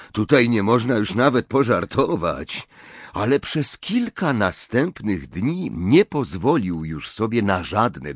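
Man, audiobook narrator, animated, dry close mic. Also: deep voice, dry recording. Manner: lively voices, expressive. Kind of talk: storybook narration.

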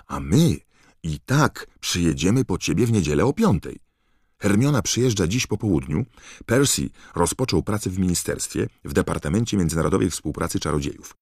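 A man's voice: low-pitched, normal speed, breathy edge, no echo, studio quality, pitched above the performer's own voice, exaggerated voice. A man voicing an eager, chatty teenage boy reading out his own letter in an audiobook. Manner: excited, rattling on.

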